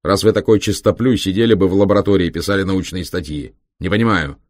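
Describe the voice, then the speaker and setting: A man reading an audiobook, voicing a cold, ruthless German male biochemist with a creaky, reproachful voice. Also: deep voice, fairly quick, a little mellow, no echo, clean studio sound. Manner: reproachful, dismissive.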